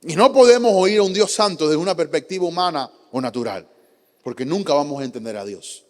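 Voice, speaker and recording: A man's voice: a little high, expressive, fairly quick, a little mellow. A man, a pastor with a Panamanian Spanish accent, preaching a sermon with rhetorical questions, emphatic repetition and acted-out quotes of churchgoers. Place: church sanctuary. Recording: long church hall reverb.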